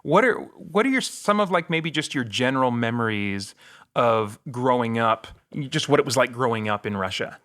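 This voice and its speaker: A man's voice: medium pitch, expressive, normal speed, a bit bright. An American man around forty hosting a casual podcast, chatting and interviewing in a rambling, self-deprecating, jokey way. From United States. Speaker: podcast host.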